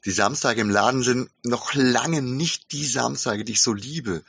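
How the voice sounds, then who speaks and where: A man's voice: mid-range voice, measured pace, creaky, fairly bright tone, husky, no room sound, dull audio. A man hosting his own podcast from inside his shop, speaking thoughtfully in a casual monologue. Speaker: game shop owner and podcast host. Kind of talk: casual spoken podcast monologue with book reading.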